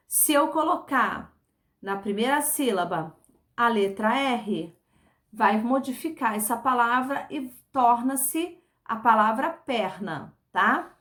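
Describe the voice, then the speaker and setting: A Brazilian woman teaching a recorded lesson to young pupils, taking her time over every word. She repeats each example syllable by syllable and keeps checking in with her class. Her voice sits a little high, and she never rushes. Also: a bit bright. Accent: Brazilian Portuguese. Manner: slow, patient, repeats words and syllables, frequent tag questions. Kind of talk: recorded online class for children.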